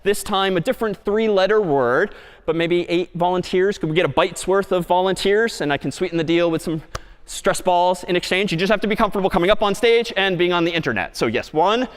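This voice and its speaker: High-voiced male lecturer in a big hall. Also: brisk, clean tone. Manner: lively, questioning the audience. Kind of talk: university lecture. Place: large lecture hall stage. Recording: long reverb of a lecture hall.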